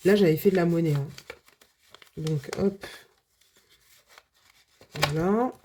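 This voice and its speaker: Woman, low voice, mellow tone, casual vlog chat, many fillers. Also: slow, a little hiss or hum. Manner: chatty, lots of filler words and restarts. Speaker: budget vlogger.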